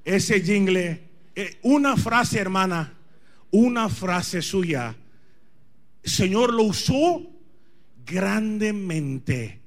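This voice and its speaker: Extremely slow and pausing often, this forty-something pastor's high, animated voice carries a charismatic sermon in Spanish, a language he learned as an adult. He's emphatic, repeats phrases, and frequently questions the congregation.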